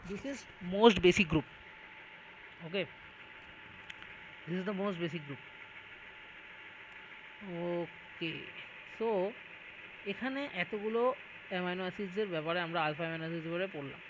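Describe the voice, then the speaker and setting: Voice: medium pitch, expressive, normal speed, pauses often. A chemistry tutor giving an informal lesson, explaining step by step, mixing in English terms and often checking whether the listener follows. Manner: addresses the student informally and thinks aloud. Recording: dull lo-fi audio with clear background noise.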